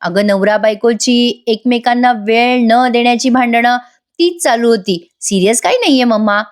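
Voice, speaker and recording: A woman's voice: fairly high pitch, moderate pace, lightly acted. Woman reading as a suspicious young wife, pressing questions. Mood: confiding. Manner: questioning, accusing.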